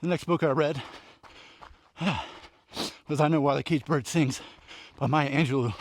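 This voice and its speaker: A man with a slightly high voice gives a casual book recap while running. He is winded and speaks in short, breathy phrases. The sound is very dry, with no echo around the voice. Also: fairly even intonation, moderate pace. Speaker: book reviewer vlogger. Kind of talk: casual book recap vlog recorded on a run. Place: outdoors at night.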